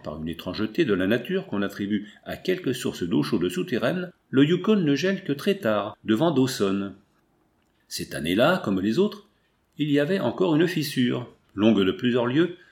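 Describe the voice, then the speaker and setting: A man narrating a literary novel as an audiobook in a measured storytelling manner. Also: medium pitch, sing-song, vocal fry, darkish tone.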